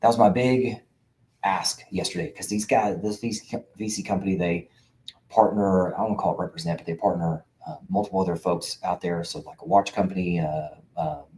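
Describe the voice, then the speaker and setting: Middle-aged guy, low dark voice, preachy and pushy, lots of uhs, talking to camera. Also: fairly even intonation, fairly quick, slight background noise. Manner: emphatic, preachy, repeats himself with filler uhs. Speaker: veterans' benefits coach and show host. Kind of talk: casual direct-to-camera monologue.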